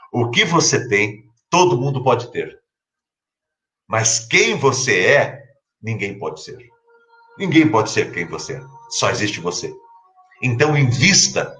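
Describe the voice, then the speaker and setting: Emphatic Brazilian preacher man, bright voice. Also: fairly low pitch. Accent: Brazilian Portuguese. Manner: emphatic preaching, repeats key phrases, rises for scripture quotes. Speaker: pastor. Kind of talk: sermon.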